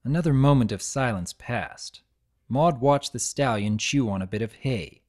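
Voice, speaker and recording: A man reading a story aloud as scripted dramatic narration, in a measured, expressive storytelling manner. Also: medium pitch.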